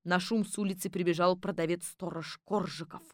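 A woman narrating an audiobook in a lively, ironic storytelling manner. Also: on the low side, a little fast, dry recording, studio quality.

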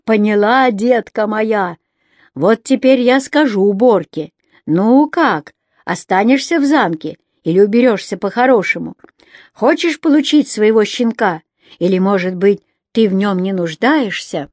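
A woman reading a storybook, voicing a furious male robber chief who threatens his daughter in a gruff, commanding way. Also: mid-range voice, lively intonation, a little slow, darkish tone, no room sound, clean studio sound. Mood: gloating.

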